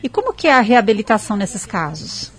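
Husky woman asking brief questions. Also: medium pitch, very animated, fairly quick, a bit bright. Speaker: interviewer. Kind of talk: interview questions.

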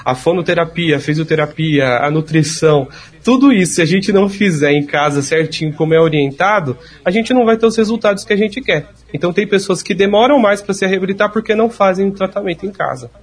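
A man's voice: high voice, fast talker. A man, a speech therapist patiently explaining treatment step by step in an interview.

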